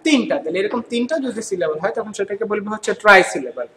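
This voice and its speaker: A man's voice: sits high, animated, fast talker, fairly bright tone, a little hiss or hum, low-quality recording. A patient male schoolteacher with a Bangladeshi Bengali accent walks a class through grammar. He stretches out example words syllable by syllable and checks understanding with questions. A faint room ambience sits behind his voice. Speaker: school English teacher.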